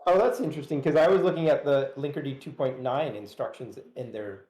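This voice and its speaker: Mellow-voiced guest expert, roomy sound. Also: male voice, mid-range voice, brisk. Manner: hedging with fillers like "like". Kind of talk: casual technical explanation.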